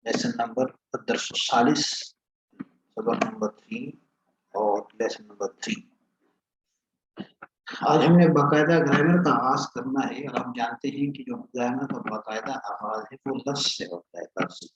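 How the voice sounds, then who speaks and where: A man's voice: mid-range voice, a little slow. A male teacher giving a patient lesson, repeating and explaining each point step by step and asking questions. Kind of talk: classroom lecture on grammar. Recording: echoey room, dull lo-fi sound with faint hiss.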